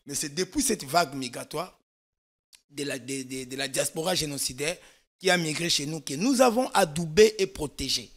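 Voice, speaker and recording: Here the Congolese man sounds fairly high and a bit bright, animated but at a normal speed. As a guest expert in a studio political discussion, he explains at length with emphasis and keeps restarting his phrases.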